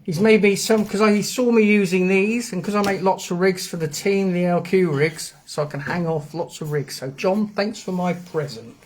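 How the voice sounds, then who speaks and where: A man's voice: sits high, normal speed, few pauses, a little hiss or hum. A man with a Geordie accent hosting a live stream, rambling casually as he explains things step by step. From England. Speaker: host. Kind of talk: live stream demo and chat.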